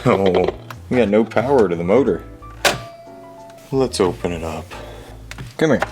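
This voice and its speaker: In his home garage, a man casually narrates a hands-on repair vlog, joking, being sarcastic, and talking to objects as he goes. He's the host of a hobby repair video, with a fairly low, expressive voice and an unhurried pace, and music plays in the background.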